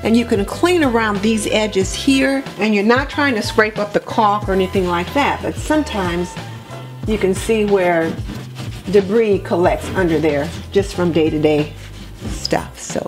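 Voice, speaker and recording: A woman in her home kitchen, walking viewers through cleaning her sink step by step in a relaxed, practical way. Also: medium pitch, measured pace. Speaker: homemaking vlogger. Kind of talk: cleaning tutorial narration. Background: background music.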